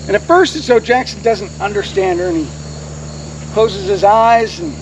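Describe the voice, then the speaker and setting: A man's voice: high voice, normal speed, background noise. A man giving a history talk outdoors, telling the story dramatically and walking listeners through a map handout. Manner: dramatic storyteller, drops to a hushed voice at solemn moments. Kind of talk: storytelling lecture. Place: outdoors on a hillside.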